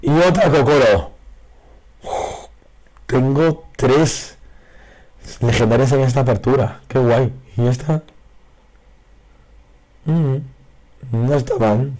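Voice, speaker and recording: Man, hoarse, losing his voice, excitable card game commentary. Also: mid-range voice, takes it slowly, long pauses. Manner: excitable, reacts loudly to pulls. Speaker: card game video creator. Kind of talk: casual pack-opening commentary. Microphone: faulty broken microphone.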